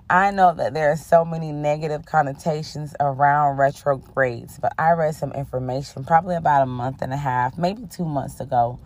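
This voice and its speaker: Low-voiced woman hosting a podcast, under the weather. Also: dry recording. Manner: warm-toned, affirming, sprinkles in "okay?" and "honey". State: under the weather, voice a bit rough. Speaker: podcast host. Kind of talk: casual spiritual podcast chat.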